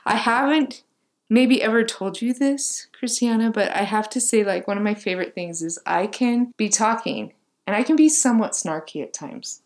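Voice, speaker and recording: A woman's voice: a little high, normal speed. A woman hosting a faith podcast, talking casually with lots of fillers and gushing praise for her guest. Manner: warm, gushing, filler-heavy with many "like"s. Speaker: podcast host.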